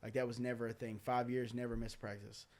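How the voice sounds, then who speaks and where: A man's voice: mid-range voice, flat delivery, brisk, a little mellow. A young man hosting a podcast, telling his story candidly with lots of "uh" and "man". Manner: earnest, candid, loose talk full of "uh", "man", "dude". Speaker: podcast host.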